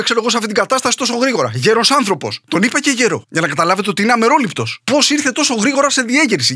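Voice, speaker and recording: A man's voice: extremely high pitch, bright, forceful tone, husky, dry recording, studio quality. A man delivering a satirical comedy monologue, full of sarcasm and mock praise. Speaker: satirical commentator.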